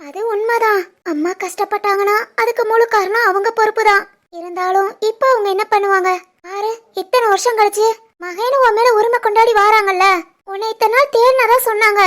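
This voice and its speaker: A woman voicing a caring young wife who comforts her husband, in an animated family drama, with a Tirunelveli Tamil accent. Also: very high voice, a little fast. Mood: tender. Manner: soothing, coaxing.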